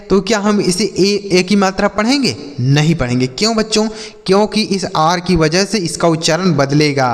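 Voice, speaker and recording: Man teaching phonics, slow drilled lesson. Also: high-pitched, long reverb tail. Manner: repeats questions and answers them himself, slow spelled-out drills. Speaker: English teacher. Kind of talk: classroom-style phonics lesson.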